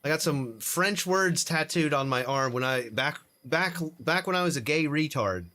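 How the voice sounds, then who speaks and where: A man's voice: a little high, lively intonation, normal speed, pushed and bright. A man streaming an online game, chatting casually and laughing often as he rambles. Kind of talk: casual live gameplay commentary.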